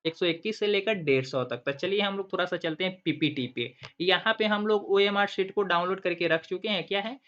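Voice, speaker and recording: A man hosting his channel teaches an online class through a screen-recorded tutorial, explaining step by step and, like a teacher, asking himself questions and repeating the answers. His high, slightly bright voice moves a little fast with few pauses, in a dull lo-fi recording.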